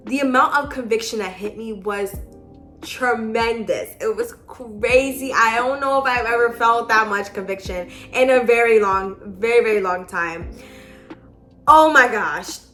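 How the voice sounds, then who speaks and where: A woman's voice: on the high side, unhurried, fairly bright tone, faint music behind. A woman in her twenties chatting casually at home, telling a personal testimony with lots of filler words and repeats. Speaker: vlogger giving a testimony. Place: at home in her apartment living room.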